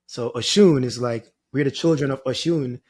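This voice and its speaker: Speaking at a normal speed in a mid-range, slightly mellow voice, this man from Jamaica is a spiritual guide guesting on a podcast. His reflections wander informally and are full of "like" and "you know".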